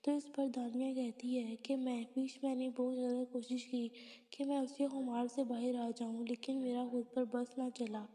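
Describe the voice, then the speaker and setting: A woman retelling the plot of a TV drama episode scene by scene, reading the characters' lines in a plain recounting way. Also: on the high side. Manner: plain recounting with quoted lines read flatly. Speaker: drama episode recap narrator. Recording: long hall reverb.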